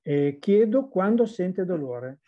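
A woman's voice: fairly low pitch, lively intonation, slow, lo-fi sound. A woman interpreting a teacher's words into full sentences, with small restarts. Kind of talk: consecutive interpreting into Italian.

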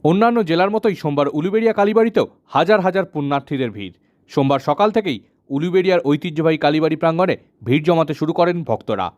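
A man's voice: a little high, lively intonation, racing, darkish tone, muffled recording. A man with a West Bengal accent reading a scripted news report as a reporter.

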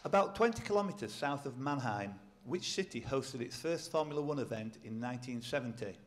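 A man's voice: mid-range voice, animated, brisk. A man hosting a pub quiz, reading questions aloud with dry, teasing asides. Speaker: quizmaster. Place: pub function room.

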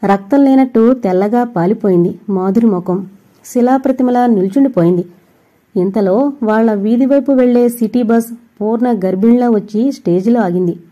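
A woman narrating an audio novel in a steady, scripted storytelling reading. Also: fairly high pitch, highs cut off.

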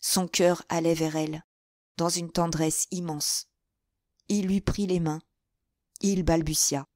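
A woman narrating an audiobook of a classic novel, her voice fairly low and her reading very slow and measured. The sound is dry and close, with no room behind it. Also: steady tone, mellow, no echo. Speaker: audiobook reader.

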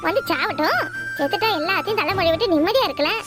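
A woman with a southern Tamil Nadu accent voicing a spiteful, scheming mother-in-law who taunts and scolds at a rapid clip. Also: very high voice, animated, music in the background. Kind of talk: cartoon voice acting.

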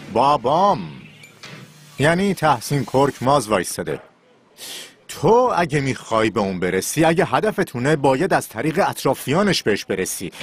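A man's voice: mid-range voice, a little hiss or hum, lightly acted. An actor dubbing a sly man who teases out a family secret in a TV drama. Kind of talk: dubbed TV drama dialogue.

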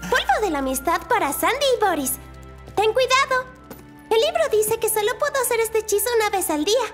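Very high, lively little cartoon girl magician. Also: brisk. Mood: confident. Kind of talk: children's cartoon dub acting. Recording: music behind.

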